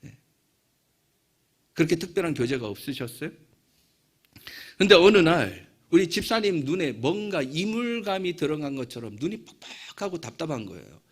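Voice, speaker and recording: Lively, high-voiced preaching pastor. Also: male voice, normal speed, long pauses, breathy edge. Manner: storytelling, swinging from hushed asides to loud fervent prayer. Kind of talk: sermon.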